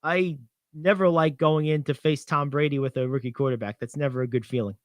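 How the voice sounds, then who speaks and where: A young man co-hosting a sports radio show, animated and confident as he talks through football picks, piling on "I think". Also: on the high side, brisk, no room sound, clean studio sound. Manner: animated, gets louder when excited, many "I think"s. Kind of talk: sports betting talk.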